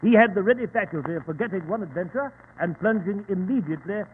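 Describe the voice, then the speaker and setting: High-voiced, earnest Doctor Watson. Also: male voice, expressive, quick pace. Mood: genial, reminiscing. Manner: formal, earnest, exclamatory. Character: earnest, astonished male doctor, the detective's loyal companion. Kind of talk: 1940s radio drama acting. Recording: tinny, hissy 1940s radio recording.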